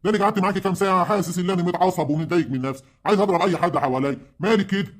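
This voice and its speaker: A man's voice: on the high side, very fast, natural voice. A man with an Egyptian accent playing an older, fair-minded village uncle who pleads and scolds. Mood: exasperated.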